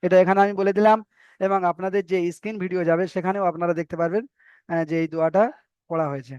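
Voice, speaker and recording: A man with an Indian Bengali accent teaching an online Quran reading class, patient, repeating each letter slowly and drawing out the vowels. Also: high-pitched, fairly even intonation, a little mellow, clean tone, no echo, dull audio. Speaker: Arabic alphabet teacher.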